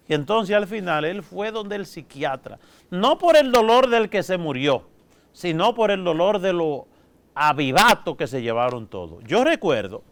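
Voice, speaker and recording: A priest with a Dominican accent preaches in a casual, down-to-earth way. His voice is high for a man and full of swings in pitch. The tone is clean and resonant, and he keeps turning to the listeners with short asides. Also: clean tone. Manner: lively, folksy, peppers speech with "¿verdad?" and "oiga". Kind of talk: colloquial preaching.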